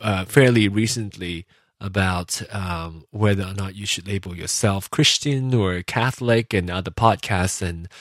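Low-pitched man, dry halting podcast monologue. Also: dry recording. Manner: halting, thinking aloud with pauses and rephrasing. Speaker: podcast host. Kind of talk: casual reflective personal monologue.

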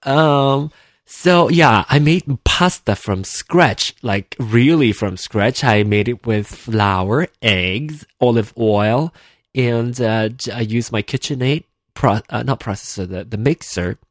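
A man's voice: medium pitch, takes it slowly, dry recording, clean studio sound. A Malaysian-born man in his thirties hosting a casual solo podcast, rambling and correcting himself with many fillers. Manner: rambling, self-correcting, chatty with frequent fillers. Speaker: podcast host. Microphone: in-ear headphones with a desk mic.

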